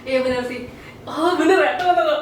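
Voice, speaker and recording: A woman in her twenties co-hosting a casual podcast, easygoing and quick to agree. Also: high voice. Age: 20s. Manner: easygoing, agrees a lot with short replies. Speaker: podcast co-host. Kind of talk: casual chat. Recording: echoey room, far from mic, faint noise.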